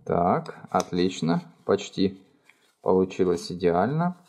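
A middle-aged man calmly explaining each fold in a step-by-step origami tutorial, recorded indoors at a table. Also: low voice, slow pace. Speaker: origami instructor. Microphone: overhead camera framing hands only.

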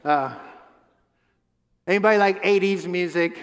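This man's voice is high and a little slow, with a slight hiss or hum in the audio. He's a pastor in his fifties pacing a church stage with a headset mic, delivering a conversational sermon, gesturing animatedly, questioning the crowd, and frequently restarting his phrases, all within a long hall reverb.

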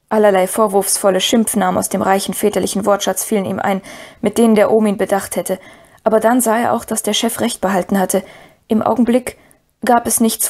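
A woman reads a fantasy novel aloud as a storyteller. Her voice sits at a middling pitch and the narration moves steadily through the story. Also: darkish tone. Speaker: audiobook reader. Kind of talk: scripted narration.

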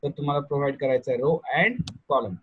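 Husky marathi-accented guy teaching an online class, keeps asking students questions, dictates notes slow. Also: mid-range voice, animated, no room sound, phone-quality sound. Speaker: programming teacher. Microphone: video call.

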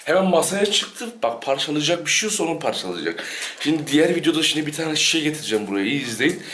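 A man's voice: fairly high pitch, very animated, fast talker, a bit bright. A man, chatting casually to viewers in a home vlog while teasing and scolding his dog. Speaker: dog channel vlogger.

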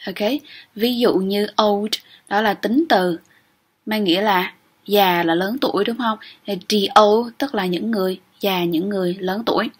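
A woman's voice: mid-range voice, steady tone, a little slow, breathy edge. A young woman teaching English grammar in an exam-prep lecture, explaining step by step and often checking with "ok?".

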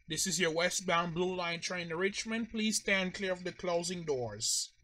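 A man's voice: high voice, measured pace, pushed and bright. A man giving formal, repetitive, scripted announcements as a train announcer.

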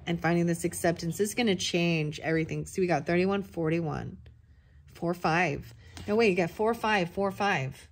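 Young woman tarot reader, slightly low voice, chatty and excitable, thinks aloud. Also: moderate pace. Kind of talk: casual tarot reading.

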